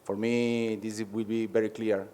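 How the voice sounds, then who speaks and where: His first language is Spanish, and this Argentine head coach stumbles through press answers in English, pausing often. The voice is smooth and mellow, fairly low, with little variation in pitch.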